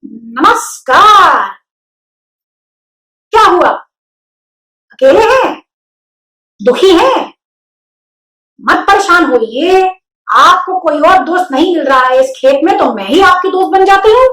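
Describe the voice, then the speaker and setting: A small grey female spider from a storybook, put on by a woman narrator. She speaks politely and softly with a high, gentle firmness. The voice sits in a roomy, echoing space. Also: expressive, slow pace, pauses often, heavily acted. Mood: kind. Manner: soft, polite and gently firm. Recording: roomy echo.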